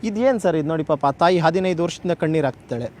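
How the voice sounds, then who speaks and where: A man's voice: a little high, fast, darkish tone. A man reporting on location for the news, putting probing, emphatic questions to villagers outdoors. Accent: Kannada. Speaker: field reporter.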